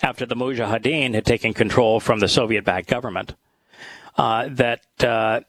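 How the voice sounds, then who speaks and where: A man hosting a talk show with scripture study, speaking in a halting, thoughtful way with many pauses. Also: mid-range voice, fairly even intonation, dry recording, poor audio. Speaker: host.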